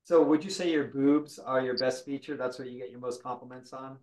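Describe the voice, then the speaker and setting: A man's voice: mid-range voice, fairly even intonation, brisk, darkish tone, rough recording. A man from the American South hosting a casual podcast chat, teasing his guest in an easygoing way. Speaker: podcast host.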